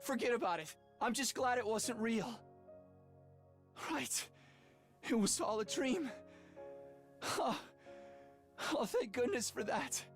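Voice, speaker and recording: A woman's voice: on the high side, expressive, takes it slowly, pauses often, faint music behind. A woman playing an earnest, hesitant and weary teenage boy hero in an anime-style game. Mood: relieved.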